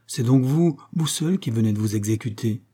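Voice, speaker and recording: A man's voice: medium pitch, animated, normal speed, mellow. A man reading an audiobook and voicing a suave, cruel master criminal who mocks his victim with false politeness. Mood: cold. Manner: smooth, mocking, falsely polite.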